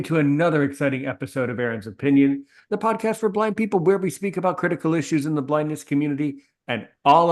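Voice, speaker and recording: A man's voice: fairly high pitch, a little mellow. A man hosting a podcast, introducing his guest in an upbeat, somewhat formal way. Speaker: podcast host.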